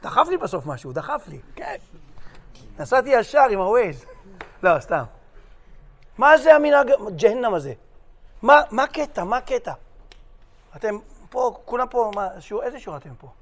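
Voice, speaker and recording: Delivering a lively sermon-style lecture, a rabbi with a high male voice plays out stories, putting on different voices for characters and cracking jokes. He pauses often.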